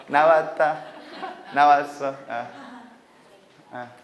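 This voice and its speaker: A man teaching English pronunciation to a live class, drilling phrases for students to repeat and laughing often. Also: on the high side. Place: lecture room with an audience. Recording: echoey room recording, audience noise.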